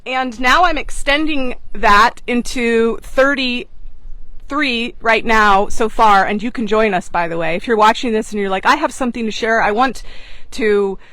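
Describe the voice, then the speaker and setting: Earnest chatty woman with a higher voice. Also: unhurried, a bit bright, no echo, rough recording. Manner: earnest, spiritual, chatty with fillers. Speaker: online mentor and course host. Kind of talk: casual heartfelt monologue. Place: on a boat outdoors.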